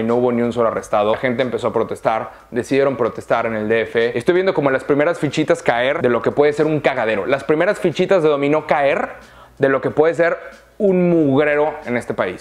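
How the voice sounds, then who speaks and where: Heated northern Mexican man ranting. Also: a little high. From Monterrey, Mexico. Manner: blunt, profane and heated, mocking voices. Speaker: vlogger. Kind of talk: opinion rant to camera.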